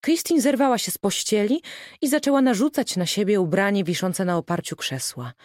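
A woman narrating an audiobook with an expressive reading style. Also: medium pitch, fairly quick, no echo, studio quality.

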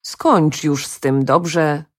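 Woman doing a cool sarcastic young woman, offhand and low, dry sound, storybook. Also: steady tone, very slow, dry recording, full character voice. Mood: dismissive. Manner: offhand and dismissive.

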